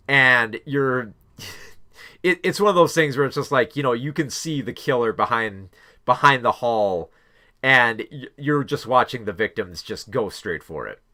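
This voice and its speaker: Male film reviewer, mid-pitched, loose and chatty with lots of "like" and "um". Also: lively intonation, moderate pace, bright, forceful tone. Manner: rambling, many fillers and restarts. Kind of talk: casual spoken movie review.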